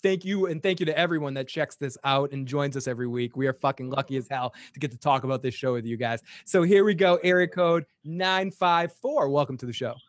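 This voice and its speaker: A man's voice: a little high, fairly quick, few pauses, dry recording, clean studio sound. A man with a Boston accent hosting a casual recap show with call-ins, talking enthusiastically and swearing freely. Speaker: podcast host.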